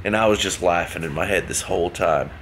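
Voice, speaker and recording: A man's voice: sits low, brisk, fairly bright tone, slight background noise. A man, telling a rambling, amused story to his camera. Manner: rambling, amused, repeats himself. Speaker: vlogger.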